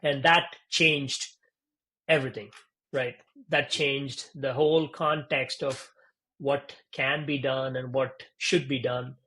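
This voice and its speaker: A man from India, a startup founder being interviewed, telling stories in a lively conversational way with lots of "you know" and "right?". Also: medium pitch, slow. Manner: animated, acts out quoted dialogue, frequent "you know" and "right?".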